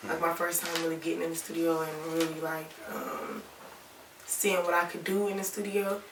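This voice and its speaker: A young woman from Alabama, raised in Ohio, chatting casually in an interview, relaxed and rambling with lots of "like". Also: on the low side, normal speed, far from the mic, background noise. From Alabama, raised in Toledo, Ohio. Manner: relaxed, rambling, many "like" fillers. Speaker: rapper and singer, interview guest. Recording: echoey room, voice off-mic.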